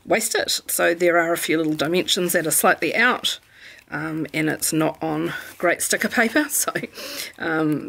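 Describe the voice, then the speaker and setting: A middle-aged woman with a Kiwi accent talks through her planner at home, relaxed and chatty, with plenty of ums. Her voice sits on the low side for a woman and has a gravelly edge. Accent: New Zealand. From New Zealand. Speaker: planner vlogger. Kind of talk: casual craft chat. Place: home room.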